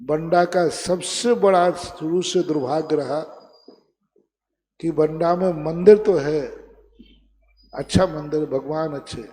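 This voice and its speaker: A man preaching a sermon to a large gathering, slow and emphatic, teasing his listeners at times. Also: fairly high pitch, warm tone, long reverb tail. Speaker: Jain monk preacher.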